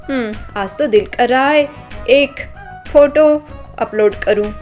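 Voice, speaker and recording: A woman's voice: fairly high pitch, takes it slowly, darkish tone, faint music behind. A woman voicing an arrogant, spoiled young woman from a rich family who scolds and sneers, in a storybook drama. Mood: haughty scolding.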